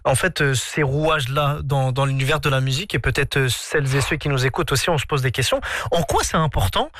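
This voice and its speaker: A man's voice: mid-range voice, fairly quick, fairly bright tone, no room sound, clean studio sound. A man who hosts the interview, asks questions and prompts the guest. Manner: prompting questions, frequent backchannel. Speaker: interviewer, host. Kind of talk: interview conversation.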